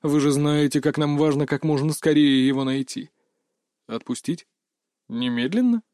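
A man voicing a calm, mocking male kidnapper boss who talks with quiet menace. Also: fairly high pitch, normal speed, dry recording, studio quality, close to an everyday voice. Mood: deferential.

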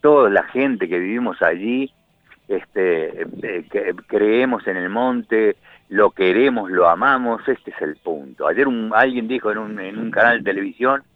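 An Argentine radio correspondent phones in commentary in a low-leaning, expressive voice, unhurried yet impassioned and indignant, restarting his sentences often. The dry recording comes through a tinny phone line.

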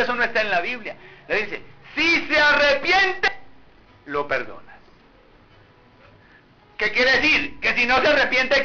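Male pastor, sermon, high lively pitch, rhetorical questions, dull recording with faint noise. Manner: animated preaching, rhetorical questions to the congregation.

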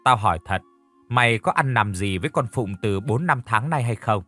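A man's voice: medium pitch, lively intonation, moderate pace, bright, forceful tone, soft background music. A man voicing a sly scheming young aunt. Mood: stern.

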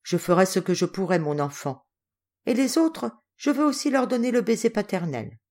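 A woman voicing an affectionate, gruff old Russian general in an audiobook, in a hearty, animated way. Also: medium pitch, moderate pace. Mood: fond, hearty.

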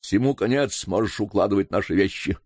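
A man's voice: lowish voice, brisk, darkish tone, no echo, close to an everyday voice. A man reading an audiobook voices a nervous, evasive male butler.

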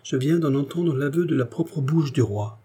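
A startled townsman with alarming news, his voice rising in agitation, as a male narrator puts him on. The tone is husky. It is an audiobook reading. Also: on the high side, moderate pace, dark tone, pitched above the performer's own voice. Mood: alarmed. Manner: breathless, alarmed.

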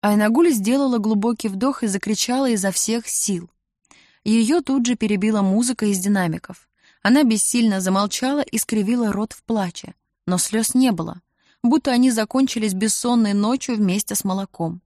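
A woman narrating an audiobook in a measured, even reading voice. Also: mid-range voice, no room sound, clean studio sound.

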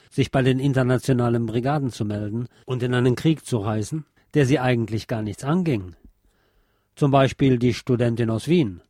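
A man narrates a scripted history documentary for a history radio series. His voice is medium in pitch with a dark tone, recorded in studio quality with no echo.

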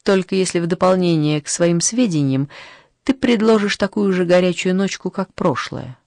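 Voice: mid-range voice, normal speed, a little mellow, no echo, close to an everyday voice. An audiobook reader voicing a cheeky, flirtatious woman journalist with a teasing, bargaining manner.

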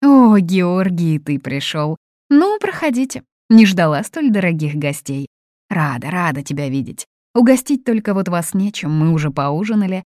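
A woman putting on a shrill, domineering old mother. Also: expressive, normal speed, a little mellow, no echo, studio quality, lightly acted. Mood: sarcastic. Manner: shrill, indignant.

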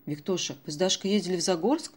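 Brief: brisk, anxious middle-aged mother, sharp and wry, read by a woman narrator. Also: on the low side, husky. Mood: demanding.

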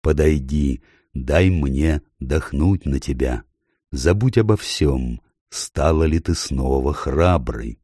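A man voicing a great noble male lion in an audiobook, speaking slowly and gravely in a deep, low voice. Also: darkish tone, dry recording, clean studio sound, exaggerated voice. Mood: gentle, grave. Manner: slow, grave, measured. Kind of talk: audiobook character voice.

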